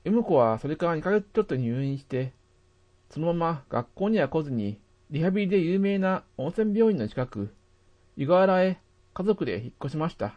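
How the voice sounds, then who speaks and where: A man narrating a first-person memory as a steady, measured scripted reading. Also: on the high side, highs cut off.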